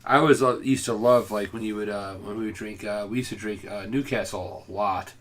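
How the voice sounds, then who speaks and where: Low-voiced man rambling casually. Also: fairly even intonation. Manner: rambling, halting, with many fillers. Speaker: podcast co-host. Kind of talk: casual chat.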